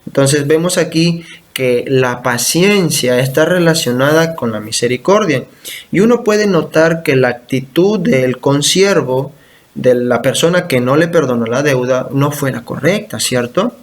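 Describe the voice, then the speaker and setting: A man's voice: mid-range voice, expressive, a little slow. A man preaching a church sermon, reading scripture aloud and repeating verses with frequent check-in questions to his listeners. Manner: teaching, repeats verses and asks "¿sí?".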